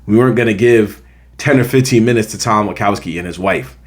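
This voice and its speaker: An American man hosts a film review show, giving a casual, opinionated movie review to camera. He talks emphatically and repeats his points to drive them home, his voice on the low side and brisk.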